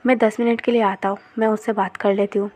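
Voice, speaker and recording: A woman voicing a gentle young man in love who pleads to be understood. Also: mid-range voice, level tone, fast, lightly acted. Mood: pleading.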